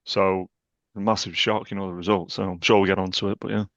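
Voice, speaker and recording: A man's voice: deep voice, flat delivery, quick pace, a bit bright, no room sound, highs cut off. A man co-hosting a podcast, chatting casually and often saying "like". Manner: chatty, uses "like" a lot. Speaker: podcast co-host. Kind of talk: casual chat.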